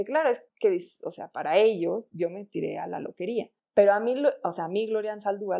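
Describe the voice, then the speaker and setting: Conversational woman teacher, mellow voice. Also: medium pitch. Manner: lively, conversational lecturing with rhetorical questions to students. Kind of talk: recorded online class lecture.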